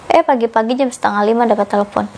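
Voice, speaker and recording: Young woman, higher voice, animated podcast guest who acts out quotes. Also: quick pace, slight background noise. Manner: animated, acts out quoted dialogue with sudden pitch jumps. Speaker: podcast guest telling her story. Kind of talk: casual storytelling.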